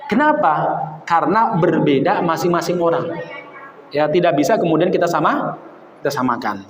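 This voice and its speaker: A man preaching at a religious study session, quoting Arabic passages and explaining them in a relaxed, chatty way, sprinkled with local words. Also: on the high side, a little slow, long pauses. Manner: quotes Arabic then explains, uses Javanese words. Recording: echoey hall, dull sound.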